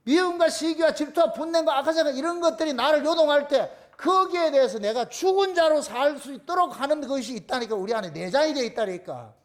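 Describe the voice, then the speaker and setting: A man's voice: very high-pitched, expressive, a little fast, hardly any pauses. A man with a Gyeongsang accent preaching a sermon as pastor, emphatic and repetitive, asking the congregation questions and answering them himself. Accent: Gyeongsang Korean. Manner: repeats phrases for emphasis.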